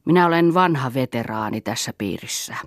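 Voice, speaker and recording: A man's voice: medium pitch, animated, no room sound, clean studio sound, natural voice. A man voicing an older male veteran reveler who gives a solemn, sentimental toast.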